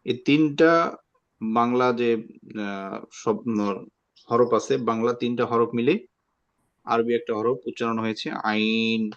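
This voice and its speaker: A man's voice: medium pitch, flat delivery, a little slow, pauses often, clear, resonant tone, highs cut off. A man teaching an online Quran reading class, patiently explaining and repeating each letter sound for students to copy.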